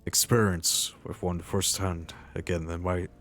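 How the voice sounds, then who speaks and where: Over music, a man voices an earnest, reassuring ex-mercenary adventurer in a video game roleplay, speaking haltingly and deliberately in a probing mood. His voice sits low, with a level and fairly bright tone.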